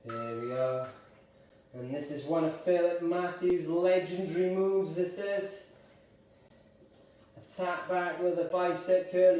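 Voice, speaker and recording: Man, Welsh accent, exercise instructor, encouraging, slightly out of breath, fairly high voice, far from mic. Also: darkish tone. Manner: encouraging, chatty, a bit out of breath while exercising. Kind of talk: live online exercise class. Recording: echoey room, mic at a distance.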